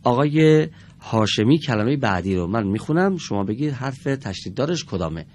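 A man teaching a televised classroom lesson in a studio, patient and encouraging with the pupils, drawing out each example word slowly and deliberately. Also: medium pitch, very animated, a little mellow, a little hiss or hum.

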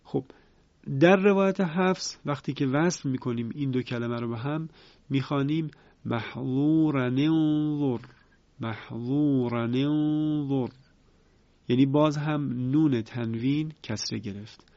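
A man teaching the rules of Quran recitation in a formal, measured way, slowly repeating each example. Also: medium pitch, darkish tone, dry recording. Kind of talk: formal spoken lesson. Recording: dry, slightly dull lo-fi sound.

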